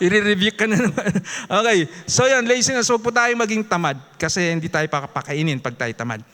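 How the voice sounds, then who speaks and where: Lively high-voiced Filipino preacher. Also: male voice, fairly quick. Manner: lively, mixing English into Tagalog, with chuckles and audience prompts. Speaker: Bible study teacher. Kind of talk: Bible study sermon. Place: church.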